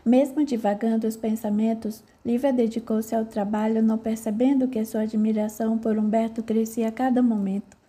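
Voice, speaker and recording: A woman with a Brazilian Portuguese accent reads a novel aloud in a steady, even manner. Her voice is very dark and mellow and sits a little high. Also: normal speed, few pauses. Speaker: audiobook narrator. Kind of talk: audiobook narration.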